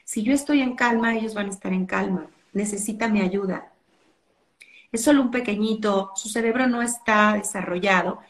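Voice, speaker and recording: A woman's voice: medium pitch, moderate pace. Woman teaching about parenting, earnest, plays out parents' quotes, roomy echo. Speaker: parenting educator. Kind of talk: explanatory interview talk.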